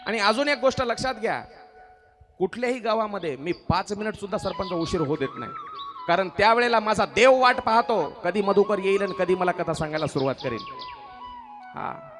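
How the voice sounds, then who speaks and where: High-voiced preacher exhorting his crowd. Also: expressive, a little fast, over music. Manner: exhorting, questions the audience and answers; breaks into song at story climaxes. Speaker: kirtan preacher and storyteller. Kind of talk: devotional sermon with storytelling.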